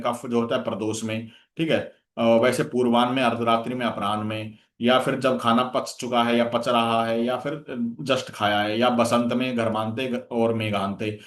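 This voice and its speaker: A man's voice: medium pitch, reverberant. A man giving a revision lecture for an exam, listing terms with memory tricks and checking in with "theek hai" again and again. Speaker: exam coaching teacher.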